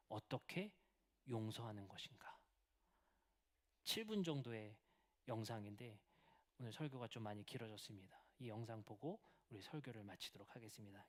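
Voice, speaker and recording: A man's voice: fairly low pitch, darkish tone. A man preaching a sermon as senior pastor, asking rhetorical questions, telling stories with acted dialogue and sometimes dropping to a whisper for emphasis.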